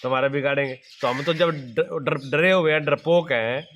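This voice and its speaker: Through a muffled recording with a little hiss or hum, a middle-aged spiritual teacher preaches at a moderate pace in a slightly bright, higher voice. His devotional sermon is repetitive, full of self-answered rhetorical questions and folksy everyday examples.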